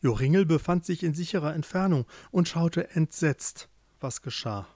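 Expressive male fairy-tale narrator. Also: a little high, no echo, clean studio sound. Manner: expressive, slow storytelling. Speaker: storyteller.

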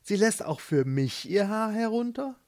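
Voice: medium pitch, animated, measured pace, darkish tone, voice pushed up. A storyteller voicing an eager, lovestruck young prince who speaks earnestly, in a read-aloud fairy tale.

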